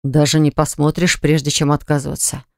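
A man's voice: a little high, little pitch movement, fairly quick, creaky, a little mellow, clear, resonant tone, no echo, clean studio sound. A man voicing a jealous young ex-fiancé who pleads earnestly to win her back, in an audiobook. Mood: insistent. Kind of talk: audiobook dialogue reading.

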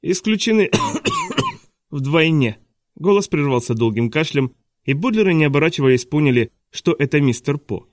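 A man narrating an audiobook fairy tale with an even storytelling delivery. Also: on the high side, fairly quick, no room sound, studio quality. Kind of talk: scripted narration.

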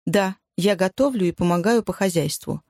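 A narrator voicing a firm young wartime wife who speaks calmly and steadily, in a dry recording. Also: mid-range voice, moderate pace, dry recording, natural voice.

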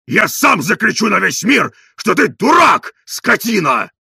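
A coarse, bullying middle-aged man hollers and drags out his indignant words, as a male reader puts him on. His voice is raspy and gravelly, pitched high and swinging wildly. The sound is hard, bright and strained. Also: sing-song, no room sound, studio quality, full character voice. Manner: shouting, drawn-out outraged exclamations. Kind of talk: audiobook character reading.

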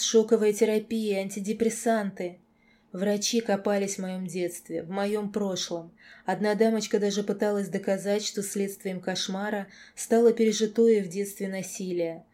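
Mellow-voiced woman narrating a novel. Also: mid-range voice. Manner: expressive, emotional reading. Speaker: audiobook narrator. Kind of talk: first-person novel narration.

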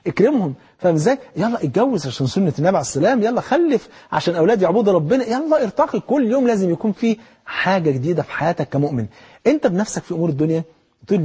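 A man with an Egyptian Arabic accent giving a lively colloquial sermon, exhorting the listener directly. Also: sits high, breathy edge. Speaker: preacher.

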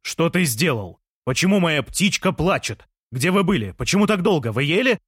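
A man's voice: on the high side, big pitch swings, normal speed, a bit bright, breathy edge, no room sound, studio quality, pitched above the performer's own voice, exaggerated voice. A man voicing a fussy, anxious expectant father who frets and wails over his partner. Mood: fretting. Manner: fretting, wailing, smothering.

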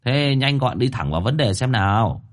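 A man voicing a gruff, grumbling old fortune-teller in a storybook. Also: medium pitch, animated, moderate pace, natural voice.

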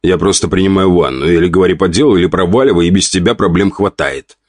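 A man's voice: low-pitched, quick pace, dry recording, clean studio sound. A man reading an audiobook, voicing a rude, irritable count in his forties who growls and mocks his wife. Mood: irritated. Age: 40s. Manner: gruff, snapping, mocking.

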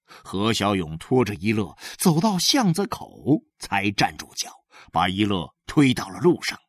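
Guy reading a story out loud, huskyish, pitch jumps all over, super dry mic. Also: unhurried, breathy edge, no echo. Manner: lively, expressive reading that swings widely in pitch. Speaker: audiobook narrator.

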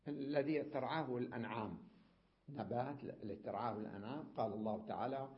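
Gravelly-voiced man teaching grammar, lo-fi. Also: medium pitch, fast talker. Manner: methodical, repeats word forms and asks rhetorical questions; clears his throat often. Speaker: sheikh teaching Arabic grammar. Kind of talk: classroom grammar lesson reading and explaining a text. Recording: dull lo-fi lecture recording.

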